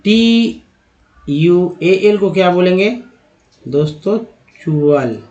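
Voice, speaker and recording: A man giving a spoken lesson on English spelling and pronunciation, who keeps asking rhetorical questions and answering them, and who repeats the sounds slowly. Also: high-pitched, expressive, a little mellow. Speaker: English teacher. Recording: dull lo-fi recording.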